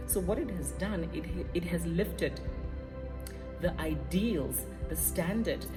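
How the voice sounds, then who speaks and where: A young woman from South Africa, a ballet dancer giving thoughtful, measured interview answers with the odd filler. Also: fairly low pitch. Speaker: ballet dancer and competition juror. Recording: long hall reverb with faint music. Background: faint music.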